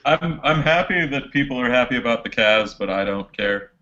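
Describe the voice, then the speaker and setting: A man's voice: mid-range voice, animated, normal speed, sharp tone, muffled recording. A man giving brief, matter-of-fact answers in a casual podcast chat. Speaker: podcast guest.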